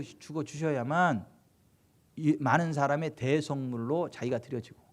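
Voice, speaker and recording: A male pastor preaching a sermon, emphatic and full of rhetorical questions, swinging between loud exhortation and hushed low passages. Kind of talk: Korean sermon at a Friday late-night service.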